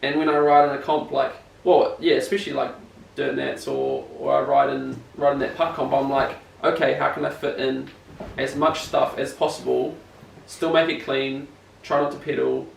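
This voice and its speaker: This young man, a BMX rider with a broad New Zealand accent, speaks at a moderate pace in a mid-range voice with vocal fry and big pitch swings. Being interviewed, he chats casually, rambling along in slang and putting himself down. An echoey room, distant mic and faint noise mark the recording.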